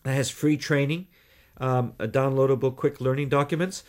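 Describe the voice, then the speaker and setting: A Canadian man talking as a guest in a radio interview, explaining things in a measured way with deliberate pauses. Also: mid-range voice, steady tone. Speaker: guest, communication trainer.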